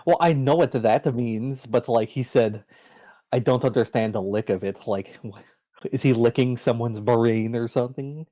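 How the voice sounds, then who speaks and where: A man's voice: mid-range voice, moderate pace, mellow. Man player, joking drawl, stays in character. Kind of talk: in-character tabletop play.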